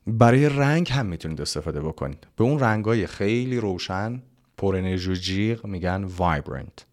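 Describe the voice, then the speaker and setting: A man with a very deep voice gives a casual English lesson. He reads the example sentences slowly, spells words out letter by letter and explains each one in a relaxed, chatty way. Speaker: English teacher.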